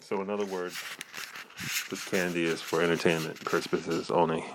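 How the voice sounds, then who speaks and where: A man's voice: low-pitched, steady tone, normal speed, noisy background. A man hosting a casual video, his voice muffled by a face mask, explaining and guiding step by step. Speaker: vlog host. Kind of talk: casual chat.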